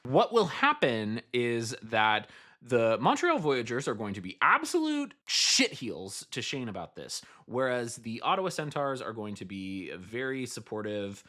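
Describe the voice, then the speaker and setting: A man casually recapping a novel, animated and wry, with frequent swearing. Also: medium pitch, a little slow. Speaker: book reviewer.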